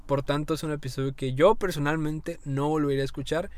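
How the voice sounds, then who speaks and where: A man's voice: on the high side, steady tone, quick pace. Young Mexican man co-hosting a podcast. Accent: Mexican Spanish. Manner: loose, joking, swears freely. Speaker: podcast co-host and editor. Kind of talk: casual chat.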